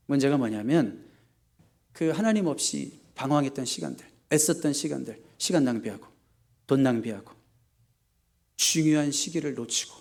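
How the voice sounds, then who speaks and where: A male pastor preaching in church, asking the congregation questions and answering them himself, with sharp rises for emphasis. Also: on the high side. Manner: emphatic, often rising sharply for stress. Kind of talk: sermon. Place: church sanctuary.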